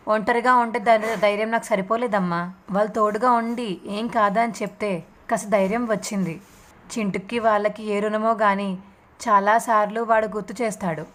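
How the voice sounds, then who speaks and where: A woman's voice: mid-range voice, lightly acted. A woman voicing a guilt-ridden young mother who pleads in a sorrowful tone.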